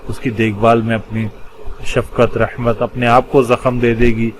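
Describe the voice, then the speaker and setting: A man teaching a religious lesson in Urdu, explaining Arabic word patterns. He goes patiently, pausing often and stressing key words. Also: mid-range voice, flat delivery, noisy background. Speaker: Quran teacher.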